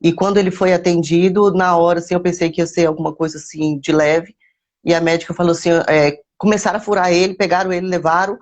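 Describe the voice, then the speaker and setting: A woman's voice: lowish voice, little pitch movement, fast talker, darkish tone. A woman telling her personal faith testimony to live viewers. She repeats words and phrases for emphasis and calls out to viewers by name. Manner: addresses viewers by name mid-story. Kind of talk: personal testimony, casual storytelling.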